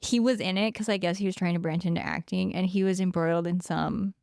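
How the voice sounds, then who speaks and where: Woman, podcast co-host, casual and wry, smooth gravelly tone. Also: on the low side, steady tone, a little mellow, no room sound, clean studio sound. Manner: chatty, quick asides, wry.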